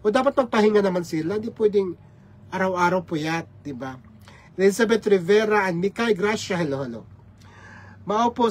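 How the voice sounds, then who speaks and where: A man hosting a casual livestream, greeting viewers by name with repeated hellos. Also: high-pitched. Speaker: livestream host.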